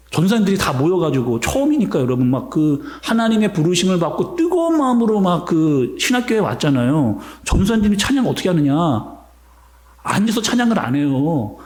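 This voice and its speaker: Male pastor for a sermon, lively storyteller who keeps turning to the congregation, high voice, echoey sanctuary. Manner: animated storytelling, addressing the congregation directly. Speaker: senior pastor. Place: church sanctuary.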